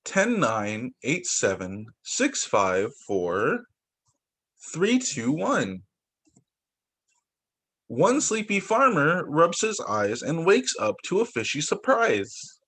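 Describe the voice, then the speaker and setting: Reading slowly in a slightly high, husky voice, a young male preschool teacher shares picture books with young children during story time. The rhyming text gets a sing-song, expressive treatment, heard over a video call.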